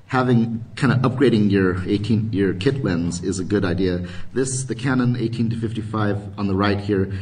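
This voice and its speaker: Male workshop presenter, lowish husky voice, loose and halting delivery, recorded from a distance. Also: a little mellow. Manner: hesitant, many restarts and ums. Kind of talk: live convention workshop talk. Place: convention panel room.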